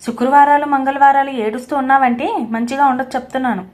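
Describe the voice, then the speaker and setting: A loud, domineering mother-in-law, as a woman puts her on, who scolds and yells without letup. Her voice is high and pushed hard in this audio story. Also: normal speed, lo-fi sound, natural voice. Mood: shouting. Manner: scolding, shouting. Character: shrill domineering middle-aged mother-in-law.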